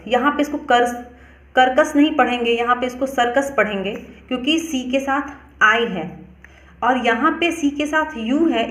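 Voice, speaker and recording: A woman teaching English pronunciation, explaining rules slowly and spelling words out letter by letter. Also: on the high side, a bit bright, reverberant. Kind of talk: explanatory lesson.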